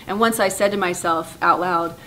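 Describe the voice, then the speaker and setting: An American woman, a dialect coach, explaining clearly and patiently with examples. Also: on the low side, steady tone, moderate pace, sharp tone, slight background noise. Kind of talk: explanatory teaching to camera.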